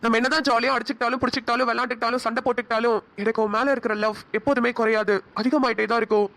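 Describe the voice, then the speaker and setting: A woman voicing an earnest, hot-tempered young husband in a cartoon, talking quickly. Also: on the high side, fairly even intonation, a bit bright. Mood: tender, pleading. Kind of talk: cartoon voice acting.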